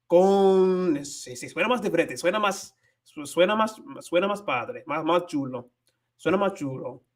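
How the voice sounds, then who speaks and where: Slow-talking, slightly high-voiced man streaming. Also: animated. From United States. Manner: switches between Spanish and English, stumbles and searches for words. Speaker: livestream host teaching Spanish. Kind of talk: casual livestream chat reading viewer comments.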